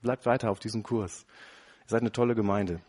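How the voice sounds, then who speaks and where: A man's voice: fairly low pitch, fairly even intonation, brisk, darkish tone. A middle-aged man preaching a sermon in an earnest way, acting out quoted dialogue as he tells the story.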